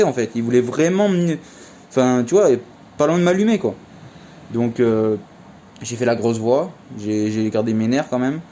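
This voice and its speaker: Young man, casual vlog chatter, mellow warm voice, slight background hiss. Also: mid-range voice. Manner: chatty, slangy, many fillers like "en fait". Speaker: vlogger.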